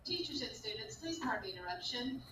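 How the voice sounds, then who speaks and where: Woman announcer on a school intercom, polite and measured, distant and reverberant. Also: a little high, lively intonation, background noise. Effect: school intercom loudspeaker. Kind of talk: formal announcement. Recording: echoey intercom heard from far off, music behind.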